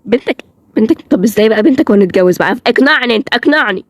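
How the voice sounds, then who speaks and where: Woman voicing a feisty Egyptian girl, mocking and quick, dry close mic. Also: on the high side, animated, dry recording. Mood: teasing. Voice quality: sarcastic, snappy. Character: feisty sharp-tongued young woman, quick to mock. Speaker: voice actor of a fan toy-game drama. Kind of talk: fan drama dialogue.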